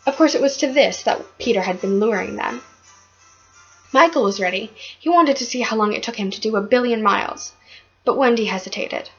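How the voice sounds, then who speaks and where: A woman reading a children's book aloud with expressive delivery and occasional stumbles. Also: on the high side, fairly quick, husky, muffled recording, soft background music.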